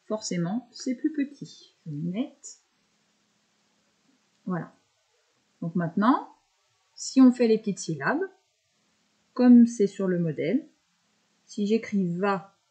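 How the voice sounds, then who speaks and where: A woman teacher calmly talking young pupils through handwriting, step by step, with patient explanations. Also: mid-range voice, poor audio. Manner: slow step-by-step verbalizing, patient.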